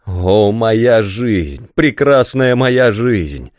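A man reading aloud voices a tormented, volatile young man who breaks into strained shouting. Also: fairly low pitch, very animated, normal speed, no room sound, clean studio sound. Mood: anguished. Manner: outbursts of raised, strained shouting.

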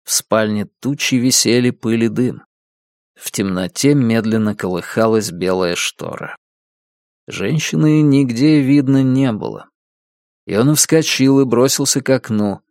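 A man narrating an audiobook thriller in an even, measured reading voice. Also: mid-range voice, no echo, clean studio sound.

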